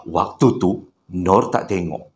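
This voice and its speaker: A man's voice: low-pitched, slow. Malaysian man telling ghost stories. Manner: chatty, acts out the characters. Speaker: horror storyteller. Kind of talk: casual horror storytelling. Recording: roomy echo.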